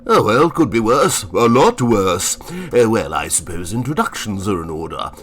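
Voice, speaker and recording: A man playing a wordy, politely bemused gentleman ghost, telling his story and acting it out. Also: fairly low pitch, big pitch swings, normal speed. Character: genteel, fussy middle-aged English gentleman ghost. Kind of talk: first-person storytelling and acting.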